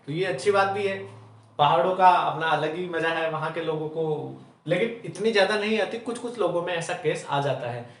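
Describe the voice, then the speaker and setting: With a slightly high voice and a somewhat quick pace, a male chemistry teacher from Rajasthan, India, lectures his class, answering the rhetorical questions he poses and wrapping up nearly every point with "theek hai." The mic is distant, giving a roomy echo.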